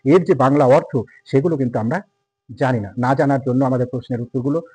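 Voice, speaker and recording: A man's voice: mid-range voice, fairly even intonation, quick pace, darkish tone, husky, no echo, low-quality recording. A man teaching an English lesson, patiently repeating words and counting aloud. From India. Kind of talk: classroom lesson explaining pronunciation.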